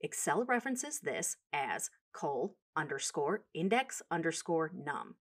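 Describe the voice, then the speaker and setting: A woman narrating a scripted tutorial as an instructor, dictating in a measured way, item by item. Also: sits low, very animated. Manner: dictating formulas symbol by symbol. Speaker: course instructor.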